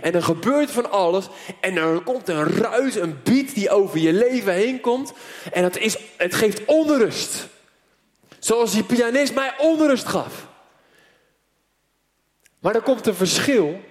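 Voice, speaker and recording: A man preacher telling a story in an animated sermon, full of fillers, before a church audience. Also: sits high, slow, pauses often. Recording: long hall reverb.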